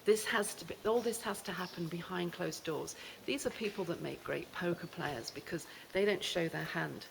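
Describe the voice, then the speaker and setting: Woman in an echoing cave, creaky voice. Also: fairly low pitch, moderate pace. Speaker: astrology video presenter. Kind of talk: unscripted spoken explainer to camera. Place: inside a mountain cave. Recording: echoey cave reverb, clear background noise.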